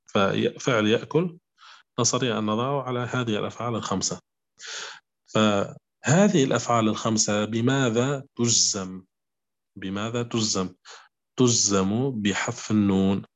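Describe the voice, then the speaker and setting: A man teaching a grammar lesson, speaking slowly and repeating his examples, often checking with the class whether it is clear. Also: lowish voice. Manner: slow, repetitive, asks "clear?" often. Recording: dull lo-fi recording.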